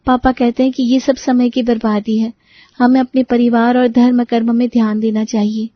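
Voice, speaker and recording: A woman's voice: fairly high pitch, level tone, moderate pace, dry recording, dull audio, pitched above the performer's own voice, lightly acted. A woman voicing a shy, traditional young woman who answers meekly and politely. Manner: meek, polite.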